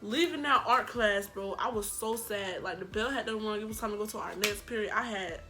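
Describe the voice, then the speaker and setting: A woman's voice: medium pitch, fairly quick, music in the background. A young woman vlogger telling a personal story in a casual, slangy, dramatic way. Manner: animated, slangy, dramatic retelling.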